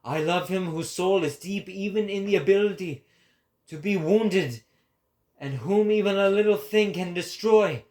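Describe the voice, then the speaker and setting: A man's voice: high-pitched, unhurried, a little mellow. A man voicing an impassioned, solemn prophet in a dramatic reading, with declamatory and emphatic phrasing. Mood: exalted, solemn. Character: impassioned male prophet Zarathustra, solemn and exalted. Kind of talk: dramatic reading of philosophical prose.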